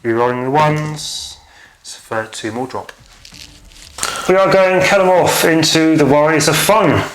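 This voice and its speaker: A man's voice: on the high side, a little slow, a bit bright, a little hiss or hum, low-quality recording. A man with a broad New Zealand accent chatting casually and chummily as he commentates a tabletop wargame as a player. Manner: chummy, matey banter.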